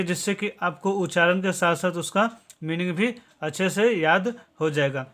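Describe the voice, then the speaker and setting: A man teaching a spoken lesson, slowly spelling out words letter by letter, repeating each point and ending phrases with a checking "theek hai". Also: high voice, a bit bright. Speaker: English teacher. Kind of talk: classroom-style spoken lesson.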